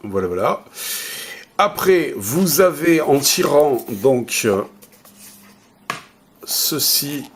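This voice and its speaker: A man's voice: on the high side, lively intonation, drawn-out words, long pauses, slight background noise. A man giving a casual unboxing review of a smartwatch, rambling with many fillers and self-corrections while handling the product. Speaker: tech reviewer.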